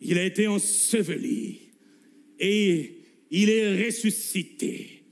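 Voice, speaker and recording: A man with a French accent preaching a lively sermon as pastor, acting out Gospel scenes in voices and calling the congregation to answer. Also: high voice, takes it slowly, gravelly. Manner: calls for responses from the congregation. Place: church hall. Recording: long hall reverb with faint music.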